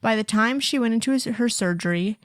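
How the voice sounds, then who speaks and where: A woman's voice: a little high, a little fast, no echo, studio quality. A woman co-hosting a podcast, chatting casually and reading out listener stories, with lots of fillers and laughter. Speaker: podcast co-host.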